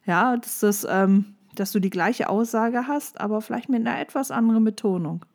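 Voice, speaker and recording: Woman, application coach, mellow voice, direct and lively delivery. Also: a little high, normal speed, vocal fry. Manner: direct, lively, addresses listener as du. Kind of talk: coaching monologue with tips.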